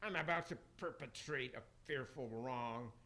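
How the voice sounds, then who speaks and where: A man with a medium-pitched, sharp voice, speaking at a moderate pace, plays a pompous, scheming Roman emperor from hell in a rhymed radio play. He declaims theatrically in a menacing, boastful mood, lightly acted, on an amateur radio broadcast with faint noise.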